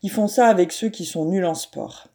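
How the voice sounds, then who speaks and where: A woman's voice: fairly low pitch, normal speed, lightly acted. A woman voicing a small, skinny, chatty schoolboy in a read-aloud storybook. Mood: reassuring. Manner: lively, chatty.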